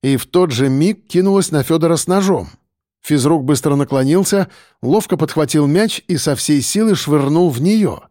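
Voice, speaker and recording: A man narrating a story in a steady, measured storytelling manner. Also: on the high side, no room sound, studio quality. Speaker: audiobook narrator. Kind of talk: scripted narration.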